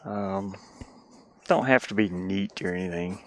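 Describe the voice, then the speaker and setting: With a deep, fairly bright voice and a slightly slow pace, a man live streams a DIY build in a dry setting with no room sound. He chats casually while working with his hands, muttering and meandering as he thinks aloud through each step for his viewers.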